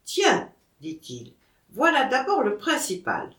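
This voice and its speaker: A woman reading the lines of a calm, polite gentleman friend, in an audiobook. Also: sits high, takes it slowly, reverberant, far from the mic, pitched above the performer's own voice, exaggerated voice.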